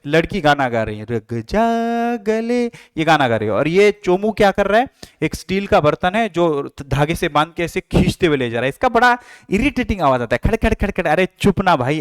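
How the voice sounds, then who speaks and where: A man's voice: on the high side, no room sound. A man teaching a science lesson, mixing Hindi and English, asking and answering his own questions and playfully imitating sounds. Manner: reads English textbook lines slowly, then explains them.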